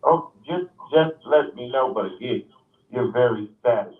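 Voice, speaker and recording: A man's voice: mid-range voice, normal speed. A man calling in by phone, sounding far from the phone, giving brief, polite replies. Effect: phone call voice, far from the phone. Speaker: caller, a veteran. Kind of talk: casual chat. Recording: tinny phone line, echoey and distant.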